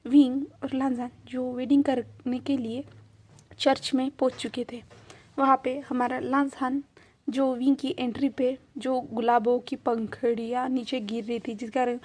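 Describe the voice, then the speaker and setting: High-voiced woman retelling a story. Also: little pitch movement, unhurried, a little mellow. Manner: chatty, repetitive, fond of the characters.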